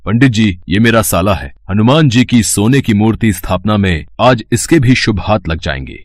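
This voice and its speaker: A man voicing characters in a devotional cartoon, switching between roles with a lively delivery. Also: fairly low pitch, moderate pace, no room sound. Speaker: voice actor for many characters. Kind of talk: cartoon voice acting. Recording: voice-over with faint background music.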